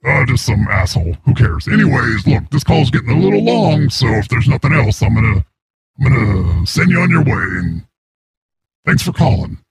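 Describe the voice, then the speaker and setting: Over the phone, a man pranks someone by posing as a crude, self-important male neighborhood boss, his voice distorted by a voice changer into a gravelly rasp. Medium-pitched and sing-song at normal speed, he rambles with smarmy mockery, and a little hiss or hum is audible.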